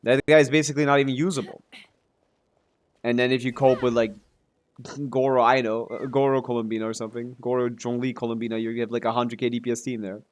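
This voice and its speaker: A male video game streamer with a mid-range voice chats casually over his gameplay, talking fast in a level tone. He responds as if to viewers, frequently trailing off or hedging while he works through his thoughts during the livestream.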